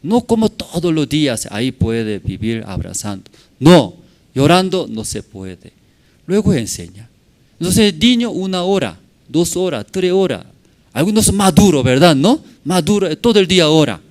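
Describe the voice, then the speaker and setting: Animated male pastor preaching a sermon. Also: a little high, moderate pace. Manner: short simple phrases with constant tag questions to the congregation; swings between loud emphatic bursts and quiet asides. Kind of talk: Sunday sermon. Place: church service.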